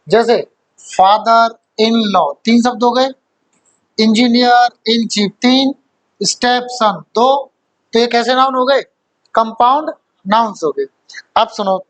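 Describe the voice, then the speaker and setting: A man's voice: very high voice, poor audio. A man teaching a grammar class who quizzes his students, repeats key points, and mixes English terms into his explanations. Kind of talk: classroom lecture.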